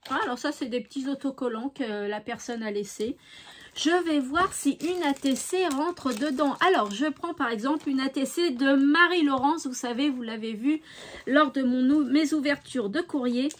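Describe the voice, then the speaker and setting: A woman's voice: high-pitched, moderate pace. A woman with a regional French accent chatting casually to her viewers about her craft finds, full of fillers and cheerful enthusiasm. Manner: chatty, many fillers and "voilà". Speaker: craft vlogger.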